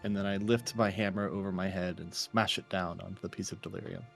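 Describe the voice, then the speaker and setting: A man's voice: sits low, fairly even intonation, quick pace, gravelly, faint music behind. A man playing a tabletop role-playing game, talking casually in a hesitant, stammering way as he improvises.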